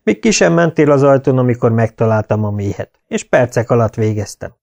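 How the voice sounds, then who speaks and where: A man voicing an excitable, self-assured male veterinary surgeon in an audiobook reading, with boastful, exclaiming delivery. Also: medium pitch, gravelly. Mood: cheerful.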